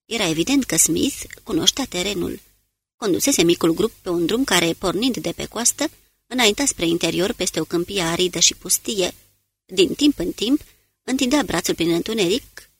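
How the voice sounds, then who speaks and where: Husky-voiced woman reading an audiobook. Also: lowish voice, expressive, no room sound. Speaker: audiobook narrator. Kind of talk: scripted narration.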